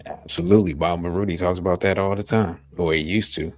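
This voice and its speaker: A man co-hosting a podcast discussion, reacting in a measured way and pausing to play clips. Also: sits low, faint music behind. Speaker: podcast co-host. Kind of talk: casual discussion.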